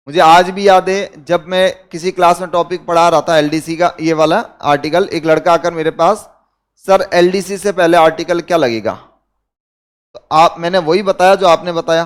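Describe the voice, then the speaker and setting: A man with a high voice and an Indian accent lectures a class, constantly posing rhetorical questions to his students. His voice comes through smooth and clear. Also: level tone, normal speed. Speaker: teacher.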